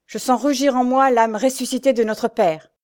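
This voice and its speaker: A woman's voice: on the high side, normal speed, close to an everyday voice. A woman doing a fierce, defiant young man. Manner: loud, fierce, resolute. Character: humble young male knife-grinder turned defiant.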